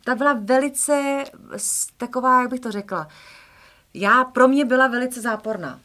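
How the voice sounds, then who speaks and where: A woman in her forties co-hosting a casual chat, talking in quick, chatty bursts. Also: high voice, bright, forceful tone. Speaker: co-host.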